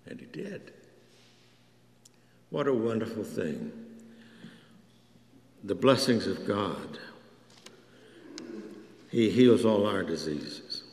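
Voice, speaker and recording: A man's voice: big pitch swings, a little mellow, slight background noise. A man preaching a sermon, telling scripture stories and acting out the prayers and words of the people in them. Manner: slow, storytelling, acts out prayers and quotes with rising pitch. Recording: echoey hall with long reverb.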